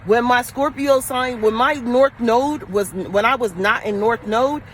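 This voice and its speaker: A woman's voice: fairly high pitch, a little slow, slight background noise. A woman with a New York Queens accent ranting casually on a livestream, blunt, streetwise and emphatic, with slang and swearing. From New York City, Queens. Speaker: livestreaming spiritual advisor. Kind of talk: casual, profane livestream rant.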